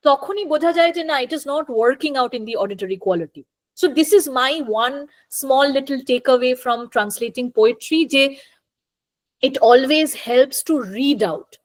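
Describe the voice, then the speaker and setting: A woman with a Bengali accent giving an academic talk, switching between Bengali and English, pausing often to think and restart. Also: high voice, expressive. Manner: thoughtful, often pauses with fillers and restarts. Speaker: guest lecturer on translation.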